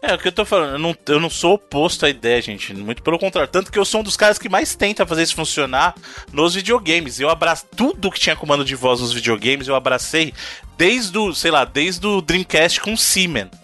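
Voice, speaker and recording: Brazilian guy arguing hard on a game podcast, bright tone, faint music under. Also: on the high side, expressive, a little fast. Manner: emphatic, argumentative, repeats for emphasis. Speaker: podcast co-host. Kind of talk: casual chat about video games.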